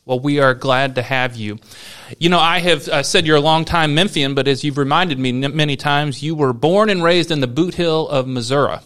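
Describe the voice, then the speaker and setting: A man's voice: on the high side, moderate pace, fairly bright tone. A man from Southeast Iowa hosting a podcast, opening with friendly, scripted-sounding introductions before interviewing his guest. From Southeast Iowa, USA. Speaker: podcast host.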